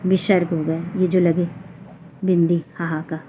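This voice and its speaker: A woman teacher explaining a grammar lesson for exam students, repeating example sounds slowly one by one. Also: on the low side, level tone. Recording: dull lo-fi recording with faint noise.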